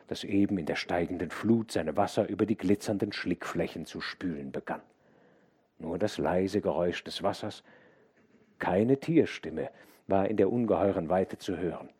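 A man reading a classic novella aloud as an audiobook narrator, slow, expressive and atmospheric. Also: sits low, slightly rough.

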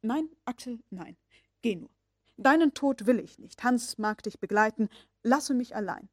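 A woman's voice: a little high, moderate pace, warm tone, no room sound, studio quality, natural voice. A woman reading the part of a stern, stubborn old male professor with urgent insistence. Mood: insistent. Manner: urgent, insistent, rising to a hard tone.

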